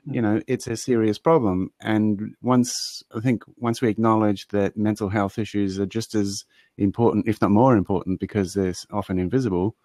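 A man's voice: on the low side, fairly even intonation, normal speed, warm tone, no room sound. A man speaking as a guest in a live-streamed discussion, hesitant with frequent restarts. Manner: hesitant, many fillers and restarts. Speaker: guest panelist.

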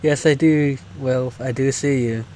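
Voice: medium pitch, fairly even intonation, measured pace, darkish tone, slight background noise. A co-streamer bantering during a game, laughing often and mock-indignant. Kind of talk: casual gaming chat.

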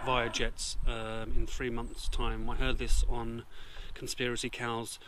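A man presenting a deadpan mock-conspiracy video outdoors in the countryside, hesitant and full of ums, talking in a mock-secretive way into a handheld camera. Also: mid-range voice, slow pace. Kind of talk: deadpan comedy mockumentary. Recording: loud outdoor noise.

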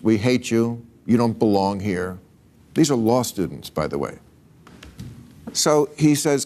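A man's voice: mid-range voice, darkish tone. A man hosting a panel discussion, emphatic and argumentative. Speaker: talk show host.

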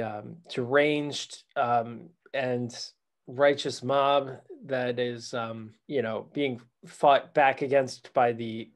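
A man co-hosting a podcast, talking about films in a halting way with many fillers. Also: medium pitch. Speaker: podcast co-host. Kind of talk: casual film discussion.

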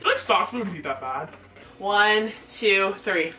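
A woman's voice: medium pitch, takes it slowly, shouting. Giggly woman vlogging in an echoey room. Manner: giggly and excitable. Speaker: host. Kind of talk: casual challenge vlog chat. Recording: echoey room, mic at a distance, background noise.

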